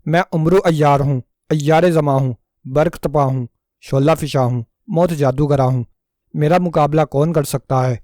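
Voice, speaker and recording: A man's voice: fairly high pitch, dark tone, dry recording, clean studio sound, natural voice. A man voicing a cunning male trickster who pleads theatrically and plays at dying, in a storybook reading. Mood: sly pleading. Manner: pleading, theatrical self-pity.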